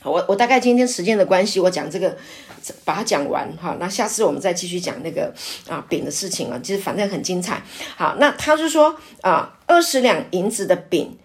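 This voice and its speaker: A middle-aged woman pastor teaching a Bible study in an earnest, personal way, often pausing on "ah" fillers. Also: on the low side, very animated. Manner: earnest, filler-heavy with frequent "ah", testimony-driven.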